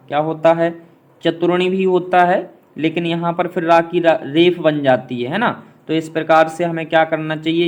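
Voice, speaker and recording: Hindi teacher who quizzes himself aloud. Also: male voice, on the high side. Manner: repeats key points as quick questions and answers to himself. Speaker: exam-prep Hindi teacher. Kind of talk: classroom-style explanation of quiz answers.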